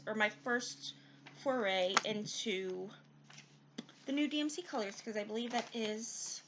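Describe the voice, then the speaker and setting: Teasing woman chatting about stitching, kinda high voice, bit of background hiss. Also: unhurried. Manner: teasing, joking. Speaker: co-host. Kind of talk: casual chat.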